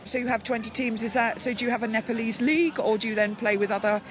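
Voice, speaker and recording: A woman radio presenter asks quick, chatty questions in a high voice. She is outdoors beside a football pitch, and clear traffic noise runs under her voice. She talks at a brisk pace. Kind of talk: on-location interview.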